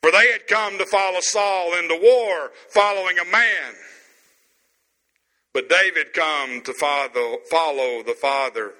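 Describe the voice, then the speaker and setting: Slow, bright-voiced preaching man. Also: fairly high pitch, long reverb tail, poor audio. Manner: preaching with slow emphatic stresses and pauses. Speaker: pastor. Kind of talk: sermon. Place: empty room.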